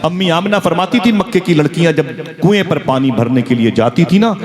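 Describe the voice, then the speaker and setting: A man's voice: a little high, a little fast. Dramatic male preacher with a crowd. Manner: dramatic, calls for crowd responses. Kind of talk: emotional Islamic sermon storytelling. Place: live religious gathering. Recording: crowd noise at a live gathering.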